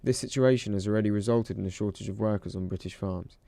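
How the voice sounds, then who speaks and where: Mellow male documentary narrator. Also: lowish voice, creaky, no room sound. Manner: measured, even delivery. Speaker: reporter.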